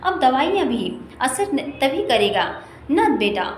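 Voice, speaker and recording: A woman voicing a loving elderly grandmother who speaks in a gentle, soothing, motherly way. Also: high-pitched, sing-song, slow pace, full character voice. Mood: comforting. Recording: echoey room with faint noise.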